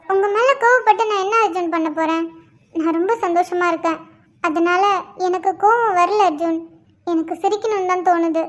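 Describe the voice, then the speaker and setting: A woman voicing Nila, a gentle, forgiving young wife and new mother in a cartoon, speaking softly and cheerfully. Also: extremely high pitch, normal speed. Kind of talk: cartoon voice acting.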